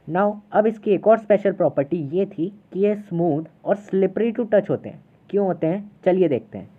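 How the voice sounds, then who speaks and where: A man's voice: on the high side, phone-quality sound. A man teaching an online class lecture in a casual, chatty way, constantly checking in with his students.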